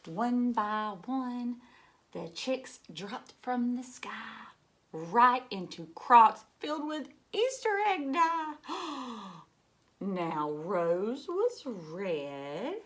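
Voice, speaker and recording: A woman reads a children's picture book aloud expressively and emphatically, adding asides and questions for young listeners. Her voice is a little high and her pace very slow.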